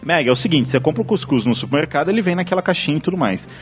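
Brazilian man, rapid chatty delivery, joking, rambling, podcast host. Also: fairly high pitch, animated, soft background music. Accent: Brazilian Portuguese. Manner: joking, rambling, mock-philosophical. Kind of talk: casual chat over drinks.

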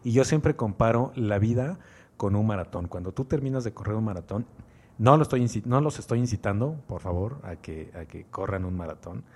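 A man's voice: lowish voice, expressive, a little fast, darkish tone, husky. A man with a Mexican accent co-hosting a podcast, talking at length in an enthusiastic, motivational way. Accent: Mexican Spanish. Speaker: podcast co-host. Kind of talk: casual podcast chat.

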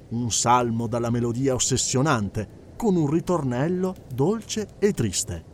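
A man narrating an audiobook in a steady, measured storytelling manner. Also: mid-range voice. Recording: faint background hiss.

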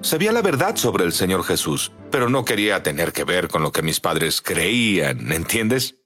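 A man's voice: low-pitched, big pitch swings, normal speed, a bit bright, soft background music. A middle-aged man telling his story in earnest as a guest on an interview show. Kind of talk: dubbed testimony interview.

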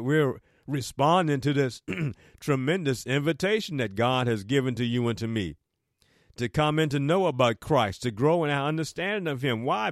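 A man's voice: medium pitch, no room sound, clean studio sound. Fervent preacher man, "yes, yes" affirmations. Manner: emphatic, repeats words and affirms himself with "yes, yes". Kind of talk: sermon.

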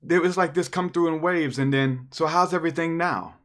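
A man hosting a casual live-stream interview, relaxed and folksy, with a religious slant to his talk. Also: fairly high pitch, a little fast.

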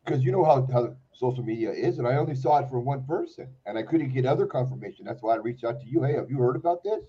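A man's voice: mid-range voice, lively intonation, quick pace, mellow, slightly rough. A man calling in to a casual talk show from an unfinished concrete basement, his voice hollow and boxy, as if inside a barrel. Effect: hollow boxy sound, like talking inside a barrel. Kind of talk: casual chat. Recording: dull boxy lo-fi remote call.

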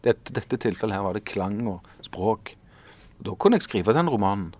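Reflective middle-aged man, low voice. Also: expressive, darkish tone, slight background noise. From Norway. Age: 40s. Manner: thoughtful, searching for words, many fillers and restarts. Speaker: interviewee, writer and artist. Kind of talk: casual interview conversation.

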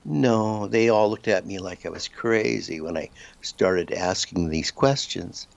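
Gravelly low-voiced man, lo-fi. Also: unhurried. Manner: rambling, with frequent restarts and repeated words. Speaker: guest author. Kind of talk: telling a personal story in a radio interview. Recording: dull lo-fi sound.

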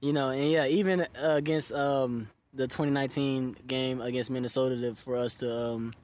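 A man in his twenties with a medium-pitched voice talks as a college football player. He answers an interviewer casually, in loose conversational phrases. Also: steady tone, brisk, a little mellow. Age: 20s.

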